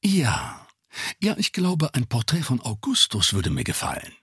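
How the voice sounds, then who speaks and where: A man voicing a cold, sinister gentleman with a cane in an audiobook reading, talking in an icy, clipped, commanding way. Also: medium pitch, huge pitch swings, a little slow, breathy edge, dry recording, clean studio sound, heavily acted.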